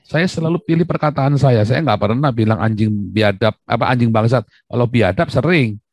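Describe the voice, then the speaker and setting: Male host, medium pitch, insistent lecturer, dry close sound over a call. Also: normal speed, a little mellow, no echo. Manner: emphatic, lecturing, repeats himself. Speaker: livestream host. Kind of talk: live video-call discussion. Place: video call.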